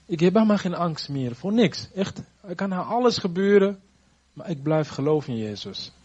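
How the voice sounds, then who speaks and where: Halting, husky-voiced man testifying. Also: sits high, big pitch swings, a little mellow, muffled recording. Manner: halting, searching for words with many restarts. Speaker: churchgoer giving a testimony. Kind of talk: personal faith testimony.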